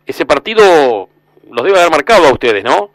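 A man's voice: fairly high pitch, big pitch swings, moderate pace, no room sound. A man with a Rioplatense Spanish accent hosting a casual radio sports interview, asking long, rambling questions full of restarts.

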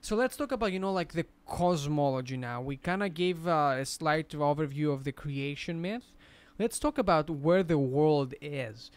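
A man with a smooth, clear voice, pitched a little high, talks through a topic on a casual podcast. He explains at length and rambles, often circling back to restart his sentences, close to a dry mic. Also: lively intonation, moderate pace, hardly any pauses, no echo.

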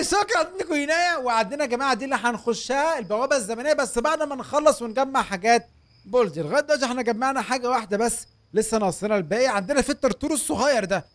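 Here an Egyptian-accented young man narrates a let's-play for viewers, full of jokes and excitement. The pitch of his voice is extremely high.

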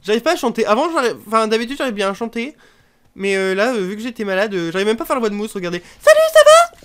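A woman casually commentating her own gameplay, joking and swearing crudely, with sudden shouted outbursts. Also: medium pitch, rapid-fire, very noisy. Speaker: gaming channel host. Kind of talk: casual let's play commentary.

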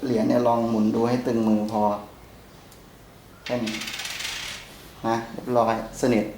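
A man hosting a gun channel, talking in a relaxed way as he shows how to take a rifle apart and put it back together, with pauses and fillers while his hands are busy. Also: medium pitch. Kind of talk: hands-on gun maintenance demo. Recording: roomy sound with faint background noise.

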